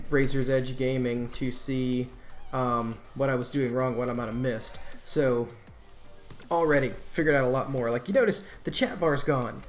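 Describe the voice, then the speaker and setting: A man hosting a Let's Play, giving casual, rambling gameplay commentary in a laid-back way. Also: mid-range voice.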